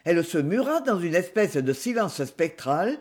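An audiobook reader giving steady, measured narration of a literary novel. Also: mid-range voice. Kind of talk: scripted narration.

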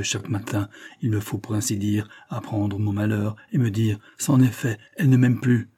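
A man's voice: medium pitch, warm tone, slightly rough, natural voice. A man reading the part of an anguished young man, a jilted lover who pleads in bitter despair.

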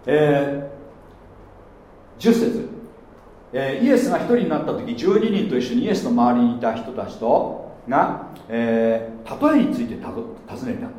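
A man preaching a sermon as pastor, chatty and animated, often asking his listeners questions. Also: mid-range voice, a little slow, pauses often. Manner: animated, conversational, asks the congregation questions. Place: church. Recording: very echoey church hall with faint noise.

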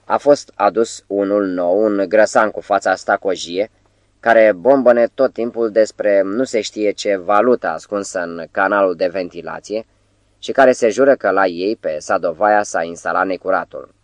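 A man narrating an audiobook in a measured, even way. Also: lowish voice, no echo. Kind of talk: scripted narration.

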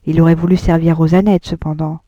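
A woman reading a classic novel aloud as an audiobook narrator, in a measured, even way. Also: deep voice, dry recording. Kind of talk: scripted literary narration. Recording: dull lo-fi audio, dry.

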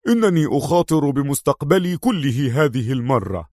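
A man's voice: medium pitch, lively intonation, brisk, a little mellow, no echo, studio quality, close to an everyday voice. A man voicing a nervous, greedy, corrupt police inspector who talks in an agitated, jittery way, in a storybook reading.

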